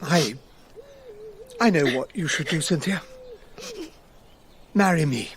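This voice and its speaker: Captain Hastings, earnest English gentleman, light noise. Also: on the high side, lively intonation, slow pace. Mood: earnest, indignant. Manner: polite, earnest, slightly bumbling. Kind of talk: radio drama acting.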